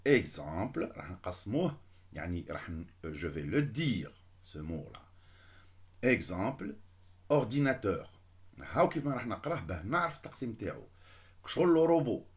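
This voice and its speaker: Algerian guy teaching french to kids, low voice that jumps around a lot, slows way down on the syllables. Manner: mixes French with Algerian Arabic, drawn-out syllables. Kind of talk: French lesson for beginners.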